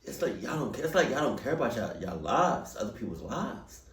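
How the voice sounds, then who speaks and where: A man's voice: mid-range voice, very animated, a little fast, a little hiss or hum. An American man giving casual reaction commentary in street slang, repeating phrases in an exasperated rant. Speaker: reaction video host. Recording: roomy echo, distant microphone.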